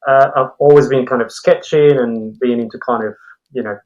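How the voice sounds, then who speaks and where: A man's voice: mid-range voice, fairly even intonation, moderate pace, a little mellow, dull audio. A man from Colombia speaking through a mask as a podcast guest, chatting casually and telling anecdotes with small hedges. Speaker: podcast guest, tattoo and comic artist. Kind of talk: casual interview chat.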